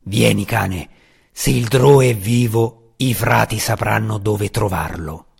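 A man reading an audiobook, voicing a brutal male bounty hunter who growls his lines slowly and menacingly. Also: lowish voice, gravelly, slightly rough, heavily acted. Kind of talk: audiobook character voice.

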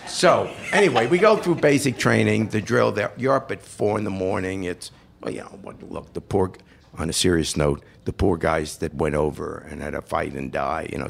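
An older man from New York hosts and tells a long personal story, animating the anecdote with quoted voices. His voice is fairly low, creaky and has a breathy edge.

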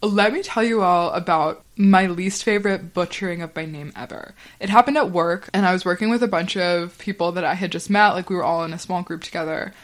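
A young woman hosting a podcast, telling casual stories in a chatty voice full of fillers and quick laughs. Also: lowish voice. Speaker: podcast host. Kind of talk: casual storytelling monologue.

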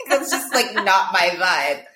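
Bright-voiced woman coach in an echoey room. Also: mid-range voice, very animated, takes it slowly, slight background noise. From Portugal. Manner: laughs often, reflective, fillers of "like". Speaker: coach, interview guest. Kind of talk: casual conversation.

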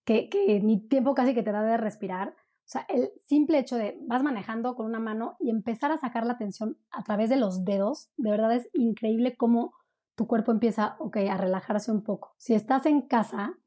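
A woman's voice: fairly high pitch, normal speed. A woman, a parenting coach speaking conversationally, explaining and often adding "¿no?". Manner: warm explanatory, frequent "¿no?" tags. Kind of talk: conversational interview.

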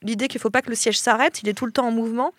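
A woman's voice: a little high, steady tone, rapid-fire, no room sound. A woman on a panel, chatting casually with many hesitations and restarts, laughing easily. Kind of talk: casual roundtable chat.

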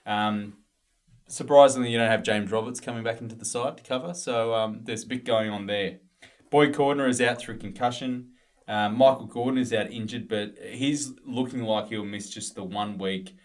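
A man's voice: mid-range voice, moderate pace. A male podcast co-host in casual sports chat, rambling through team news with plenty of fillers.

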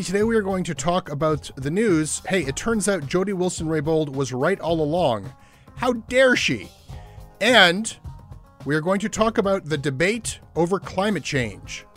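A man's voice: a little high, lively intonation, normal speed, fairly bright tone, soft background music. A man hosting conversational news talk in an emphatic, wry manner. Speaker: podcast host.

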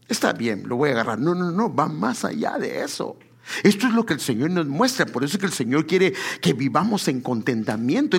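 A male preacher delivering a sermon in a somewhat high, husky voice. He talks straight to his listeners as brothers, throws them rhetorical questions and stretches out the words he wants to land. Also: fairly bright tone. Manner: stretches key words slowly for emphasis.

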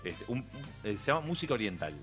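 A man's voice: medium pitch, sing-song, fast talker, a bit bright, soft background music. A middle-aged man with a Uruguayan accent, chatting as a radio guest, telling anecdotes with frequent laughter and restarts. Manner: chatty storyteller, laughs often, many restarts. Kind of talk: relaxed radio conversation. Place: radio studio.

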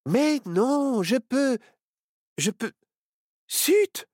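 Storybook: a woman playing a young girl witch, boastful and bubbly, high voice that swings a lot, dry sound. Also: extremely slow, dry recording, full character voice. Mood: lively. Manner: lively, boastful.

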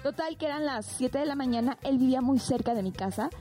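A woman's voice: high-pitched, fast talker, dark tone, faint music behind. A young Mexican woman telling a dramatic personal story in a casual podcast chat, addressing listeners directly. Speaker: podcast co-host.

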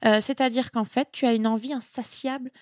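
A woman speaking as a sports nutritionist guest in a casual interview. She is chatty and lively and often repeats words while she thinks. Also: a little high, fairly quick, no echo, clean studio sound. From Italian heritage.

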